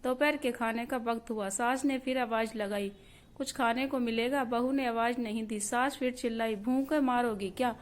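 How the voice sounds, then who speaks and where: Woman narrating a story in an even voice. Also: on the high side, moderate pace.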